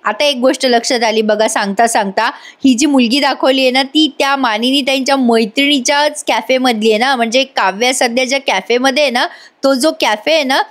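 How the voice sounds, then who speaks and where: Chatty high-voiced woman reviewing a serial. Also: brisk. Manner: chatty, addresses viewers directly. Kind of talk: casual voice-over episode review.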